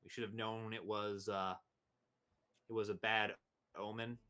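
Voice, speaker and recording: Here a game master narrates a tabletop RPG, pausing and groping for words as he goes. His fairly low voice sounds flat in delivery yet bright, forceful, and smooth.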